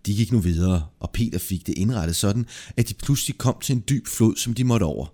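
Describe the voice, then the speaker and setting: A man narrating a folk tale aloud in a lively, expressive storytelling manner. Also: lowish voice.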